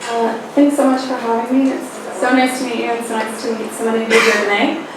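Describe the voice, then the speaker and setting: A woman panelist speaks conversationally in a fairly flat, even tone, pausing often with fillers. She is heard from afar in a very echoey hall, with clear room noise. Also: fairly high pitch, recorded from a distance. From United States. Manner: conversational, with many filler pauses. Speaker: panelist and founder. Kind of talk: panel self-introduction. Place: large echoey event room indoors.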